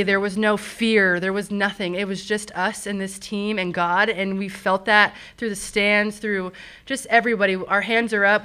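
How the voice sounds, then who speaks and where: A young woman speaks earnestly at a postgame press conference. Her voice is bright and clear, and she leans into each point with emphasis. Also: medium pitch. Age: young adult. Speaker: college softball player. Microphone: table mic.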